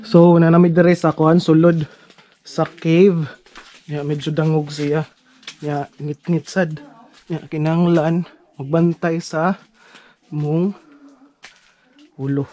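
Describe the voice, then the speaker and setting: A man vlogging his trip from inside a cave, calling out loudly with his voice echoing off the rock. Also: a little high, little pitch movement, slow, long pauses. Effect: cave echo. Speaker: travel vlogger. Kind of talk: casual travel vlog.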